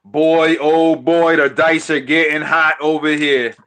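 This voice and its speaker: A man with a notably high voice calls a race live, excited and repeating his calls, tripping over names now and then. His voice is starting to wear out. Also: slow, smooth. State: losing his voice. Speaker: race commentator. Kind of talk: live play-by-play commentary on a diecast car race.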